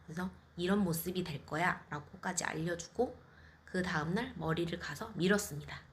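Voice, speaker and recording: A woman's voice: on the low side, moderate pace, slight background noise. A middle-aged woman telling her own story in a candid, lightly humorous way, speaking casually to the camera. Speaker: cancer patient vlogger.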